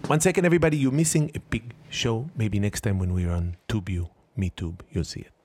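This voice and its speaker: A man's voice: on the low side, a little fast, noisy background. A man hosting a casual family chat, playful and joking, teasing the others. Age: adult. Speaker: host of a family sports show.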